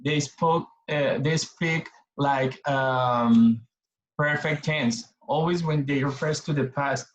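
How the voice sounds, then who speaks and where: Give me a halting man with a Latin American accent. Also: on the high side, low-quality recording. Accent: Latin American Spanish. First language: Spanish. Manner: halting, repeats words while explaining. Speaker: student in a linguistics class. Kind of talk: class discussion.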